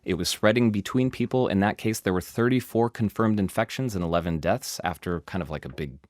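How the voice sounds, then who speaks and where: Low-voiced man explaining science news. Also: fairly quick, no echo. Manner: animated, explains at length with asides and emphasis. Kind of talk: casual explanatory podcast talk. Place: studio.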